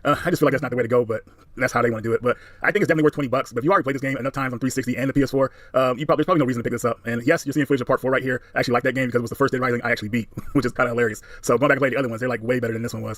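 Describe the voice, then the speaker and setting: A man's voice: mid-range voice, steady tone, rapid-fire, a bit bright, no room sound. A man giving casual vlog commentary as he reviews a game collection.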